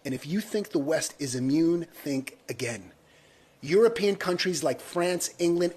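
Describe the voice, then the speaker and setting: A man reads dramatic scripted narration in a grave, slow, punchy manner. His voice is husky and sits at a middle pitch. Each line lands with deliberate weight.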